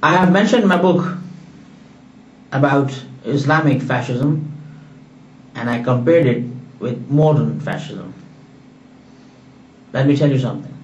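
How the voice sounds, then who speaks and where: A man's voice: medium pitch, animated, measured pace, long pauses, distant mic, a little hiss or hum. Man, earnest author, hammering points home; dull, lo-fi, roomy recording. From Pakistan. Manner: emphatic, repetitive, lecturing. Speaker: author presenting his book. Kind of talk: earnest solo talk to camera.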